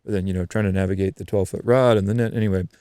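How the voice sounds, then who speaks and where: Lively low-voiced man telling a story. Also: racing, clean tone, no room sound, studio quality. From eastern Canada. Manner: animated storyteller, frequent ums and restarts. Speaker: podcast guest. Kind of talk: casual storytelling chat.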